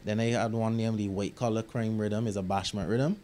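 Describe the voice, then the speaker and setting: Talking fairly quickly in a lowish voice, a young music producer from Barbados reflects on his work in a casual studio interview. He stays relaxed and falls into local grammar at times, with slight background noise present.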